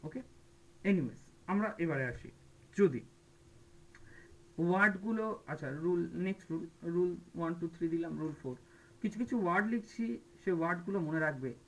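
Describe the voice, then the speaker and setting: A man's voice: a little high, normal speed, long pauses, poor audio. A man teaching an English grammar lesson for competitive exams, posing questions to students and answering them himself while mixing in English terms. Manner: mixes English terms into explanations, asks and answers his own questions. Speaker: exam-prep English teacher. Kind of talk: classroom grammar lecture.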